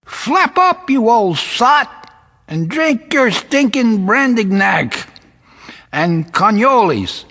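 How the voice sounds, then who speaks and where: Cranky old wizard, sneery, super slow, swoopy voice, big echoey hall. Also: male voice, very high voice, big pitch swings, pushed and bright, full character voice. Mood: sneering rant. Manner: sneering, ranting. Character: scrawny ancient male wizard, irritable and scornful. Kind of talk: audio drama acting. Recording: long echoing reverb.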